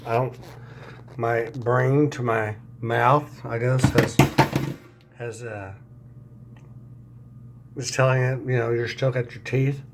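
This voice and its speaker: A man talking casually in an unscripted video diary, halting and searching for words, his speech affected by new dentures and a swollen mouth. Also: medium pitch, little pitch movement, background noise. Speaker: vlogger sharing dental recovery diary.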